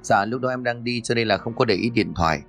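A man's voice: mid-range voice, fast talker, creaky, fairly bright tone, faint music behind. A man voicing an easygoing young man in a horror audio story, casual and polite with his elders.

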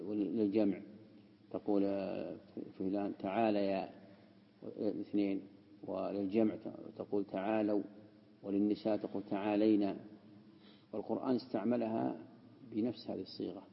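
A man's voice: lowish voice, steady tone, a little fast, creaky, husky, big-room sound, lo-fi sound. A man teaching a classical text as a sheikh, explaining and repeating key words. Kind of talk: lesson explaining Quranic word usage.

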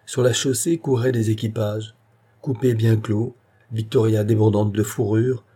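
A male narrator reads a classic novella in a steady, literary manner. His voice is low, dark and slightly husky. The reading is calm and even. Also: unhurried.

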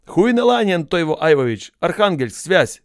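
A man voicing a gruff, stern military commissar who shouts curt commands at recruits. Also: fairly high pitch, very animated, normal speed, dry recording, studio quality, pitched above the performer's own voice. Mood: barking.

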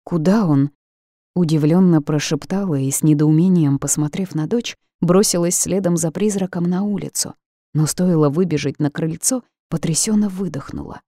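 A woman narrating a first-person fantasy audiobook in an expressive, steady storytelling voice. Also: sits low, normal speed, dry recording, studio quality.

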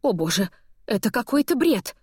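A woman's voice: fairly high pitch, sing-song, moderate pace, a little mellow, breathy edge, dry recording, studio quality. A woman reading an audiobook, voicing a desperate middle-aged female colleague who pleads in agitation. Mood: pleading. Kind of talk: audiobook character voice.

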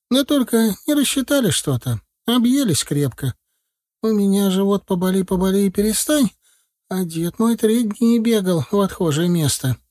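A man's voice: high-pitched, darkish tone, pitched above the performer's own voice. A man putting on a chattering old village granny. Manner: rambling rustic country talk.

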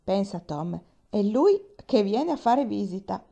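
A woman voicing Nancy, an excited young housemaid full of gossip, in a storybook reading. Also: medium pitch, measured pace, creaky, full character voice. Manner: excited, breathless, insistent.

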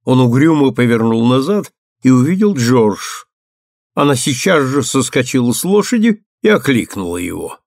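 A man narrating a novel as an audiobook in a measured, even reading. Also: medium pitch, no echo, clean studio sound. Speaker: audiobook reader.

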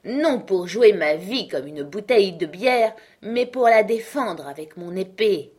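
A woman's voice: a little high, expressive, measured pace, slightly rough, voice pushed up. A woman doing an angry proud nobleman. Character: proud quarrelsome nobleman, a swordsman. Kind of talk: audiobook reading.

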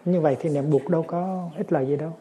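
A male Buddhist monk gives a dharma talk in a gentle storytelling manner. His voice is mellow and slightly husky, sitting a little high for a man. His anecdotes turn lively. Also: fast talker. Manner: gentle storytelling, lively when acting scenes.

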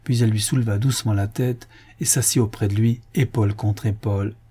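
A man narrating a classic novel as an audiobook reader, measured and even. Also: on the low side, slightly rough. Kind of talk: scripted narration.

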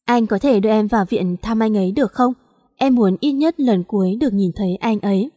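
A woman's voice: medium pitch, fairly quick, warm tone, close to an everyday voice. A woman reading a story voices a young pregnant woman in grief, pleading and close to sobbing. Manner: pleading, breaking into sobs.

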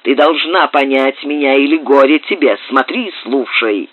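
A woman voicing a scheming, menacing middle-aged father with a gruff, commanding manner, on a tinny, dry recording. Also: low voice, big pitch swings, moderate pace, no room sound. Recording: tinny, narrow-band, dry.

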